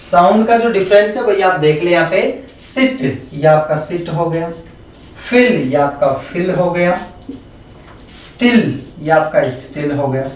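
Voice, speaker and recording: A man teaching a phonetics lesson in a Hindi accent, slowly repeating words and sounds one by one as he transcribes them. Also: high voice, lively intonation, slight background noise. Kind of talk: phonetics lesson for exam students. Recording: echoey room, voice from far off the mic.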